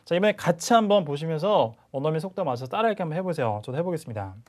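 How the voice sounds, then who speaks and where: A man's voice: fairly high pitch, expressive, racing, darkish tone. A male English instructor giving a video lecture on listening and word stress, chatty, often checking in with learners and sometimes exaggerating sentences to demonstrate stress. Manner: chatty teacher, frequent "자" and "그죠?" check-ins, sometimes exaggerated demo reading.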